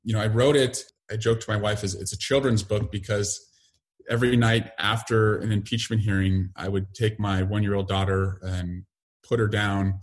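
A middle-aged man giving interview answers in a halting way, full of fillers and restarts. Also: on the low side, steady tone. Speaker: interview guest, congressman.

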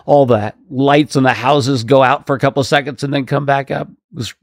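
A man's voice: mid-range voice, fairly even intonation, a little fast, vocal fry, no room sound, clean studio sound. A man co-hosting a casual podcast chat, telling stories animatedly and laughing often. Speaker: podcast co-host and performer.

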